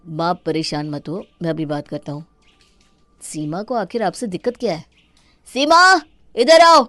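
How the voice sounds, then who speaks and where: A woman voicing a young husband and son who scolds his wife and protects his mother, in an animated story. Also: low-pitched, moderate pace, no room sound, natural voice. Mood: angry.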